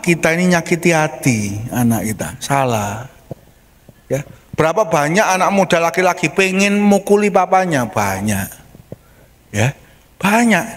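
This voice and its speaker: A male pastor, preaching a sermon as a lively storyteller who acts out the voices of the people in his stories. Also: fairly high pitch. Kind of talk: sermon with acted-out quotes. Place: church hall. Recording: long church-hall reverb.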